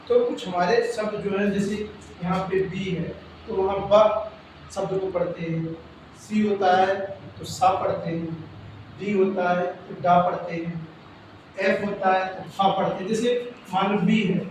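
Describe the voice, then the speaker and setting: A man with a high voice teaches a classroom phonics lesson, slowly drilling letter sounds and asking his pupils questions. He speaks from some distance in a very echoey room, with steady noise underneath. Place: school classroom.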